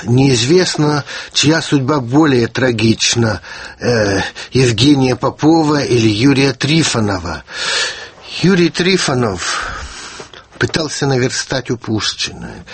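A writer from the Soviet Union in his fifties answers questions in a radio interview, measured and reflective, with frequent hesitations. His mid-range voice is husky, and the recording is dry.

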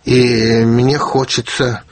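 A fifty-year-old man from the Soviet Union, a writer answering in a radio interview, speaking in a measured, reflective way with frequent hesitations. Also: mid-range voice, level tone, no room sound. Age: 50s. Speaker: guest writer.

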